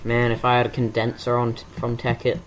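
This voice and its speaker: A man chatting casually while playing a game, relaxed and matter-of-fact, thinking aloud with the odd um. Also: mid-range voice, fairly quick. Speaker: Minecraft player. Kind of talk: casual gameplay chat. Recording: noisy home recording.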